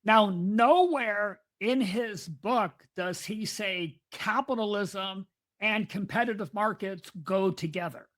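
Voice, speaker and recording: A woman co-hosts a podcast, speaking at a slow pace in a medium-pitched voice. The discussion is casual, and she explains ideas at length, often wandering into side topics.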